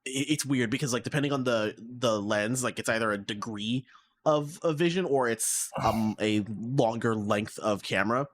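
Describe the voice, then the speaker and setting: A man's voice: mid-range voice, moderate pace. Man ranting over an online call. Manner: rambling, exasperated ranting with many fillers. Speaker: podcast co-host. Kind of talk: casual chat.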